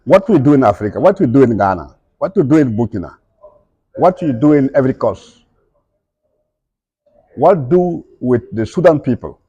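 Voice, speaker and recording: A man's voice: medium pitch, very animated, normal speed, pauses often, mellow, breathy edge, dry recording, muffled recording. A middle-aged man speaking emphatically in broken, non-native English, repeating his points as an interviewee. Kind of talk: impassioned conversational speech.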